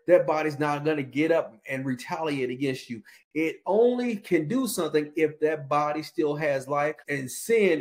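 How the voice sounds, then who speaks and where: Man preaching with drawn-out emphasis. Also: on the high side, a little mellow. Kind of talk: sermon.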